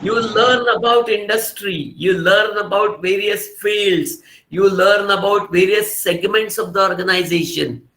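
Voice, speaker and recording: A man's voice: high-pitched, measured pace, sharp tone. A man with an Indian accent giving a motivational career lecture in an emphatic way, repeating key words and slipping between English and Hindi. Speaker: guest lecturer. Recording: echoey room, faint background noise.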